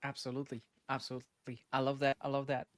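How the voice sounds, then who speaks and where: Speaking fast in a completely flat, medium-pitched voice, a man hosts a casual interview on a live online stream. Born in North Africa and raised in France, he's a startup advisor who enthusiastically repeats phrases for emphasis, captured in clean, echo-free studio sound.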